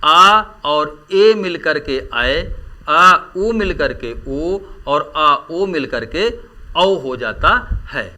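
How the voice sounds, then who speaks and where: Male teacher, lecture, bright tone, drawn-out vowel examples. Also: a little high, lively intonation. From India. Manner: slow, drawn-out vowel demonstrations. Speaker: Hindi grammar teacher. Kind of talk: classroom lecture.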